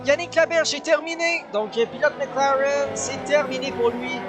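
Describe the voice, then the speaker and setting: A man with a Quebec French accent doing excited, exclamatory live play-by-play as a motorsport commentator. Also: extremely high pitch, normal speed, music in the background. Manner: exclamatory, urgent, repeats names and phrases.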